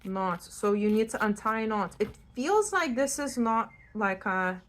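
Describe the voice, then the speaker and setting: Expressive and a bit bright, her mid-range voice keeps a measured pace as this Lithuanian woman does an unscripted tarot reading for her channel. She speaks frankly and conversationally to the listener from indoors at her new-build home.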